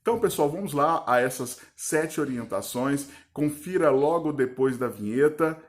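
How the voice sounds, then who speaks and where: A male teacher with a voice pitched a little high. He teaches a grammar lesson didactically, often pausing to ask if the viewer is following. He draws words out slowly when he breaks them into syllables. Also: animated.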